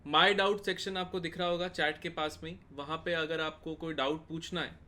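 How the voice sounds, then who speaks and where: A young Indian man with an Indian accent giving a live online chemistry exam-prep lecture, chatty and informal, speaking loudly and greeting viewers as he teaches. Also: a little high, fairly even intonation, normal speed. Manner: loud, forceful delivery.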